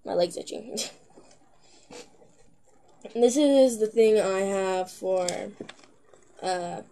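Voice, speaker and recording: A young teenage girl chatting to her camera in a loose, rambling vlog, with plenty of filler words and giggles. She talks slowly, in an unhurried drawl. Her tone is soft and mellow rather than bright. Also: medium pitch. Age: young teen. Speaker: vlogger. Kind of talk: casual chat to camera.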